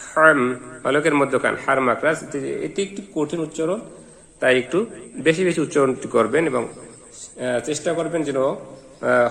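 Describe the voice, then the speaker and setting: A man teaches Quran reading, naming each letter and its vowel mark before chanting the whole verse. He speaks very slowly in a bright, forceful tone. His voice carries a long reverb, as if recorded in a hall. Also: mid-range voice. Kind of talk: slow syllable-by-syllable recitation lesson.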